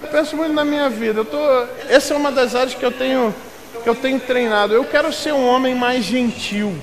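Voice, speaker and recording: A man from Rio de Janeiro with a Carioca accent, preaching a sermon as pastor, emphatic and rising to loud outbursts. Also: very high voice, fairly quick, background noise. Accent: Carioca Brazilian Portuguese. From Rio de Janeiro, Brazil. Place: church sanctuary.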